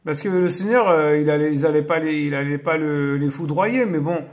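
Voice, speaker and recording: Male host, fairly high voice, reads aloud and keeps interrupting himself with awed exclamations. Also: moderate pace. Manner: interrupts his reading with amazed exclamations; hesitant, many fillers when explaining. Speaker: Bible-teaching video host. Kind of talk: casual religious commentary reading aloud.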